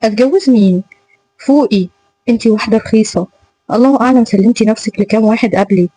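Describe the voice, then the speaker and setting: A woman with an Egyptian accent voicing a cold, threatening young male teacher who speaks harshly and with contempt, at a quick pace. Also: a little high, mellow, slightly rough, poor audio. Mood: contemptuous. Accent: Egyptian Arabic.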